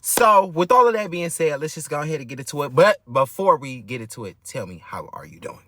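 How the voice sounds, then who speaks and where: Animated man telling a story. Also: a little high, fairly quick, slight background noise. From Detroit, USA. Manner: animated, profane, comic storytelling. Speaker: vlogger, storyteller. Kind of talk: casual storytime vlog. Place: parked car.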